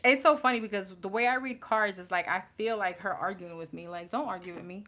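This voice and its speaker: A woman's voice: mid-range voice, brisk, fairly bright tone. A woman with a New York accent doing a live tarot reading, blunt and sassy, chatting and laughing as she pulls cards. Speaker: tarot reader. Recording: audible background noise with card shuffling.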